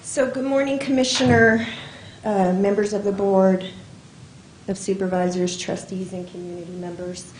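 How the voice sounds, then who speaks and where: A woman's voice: medium pitch, steady tone, normal speed, echoey room, a little hiss or hum, low-quality recording. A woman opening her public comment at a county meeting with formal, polite greetings.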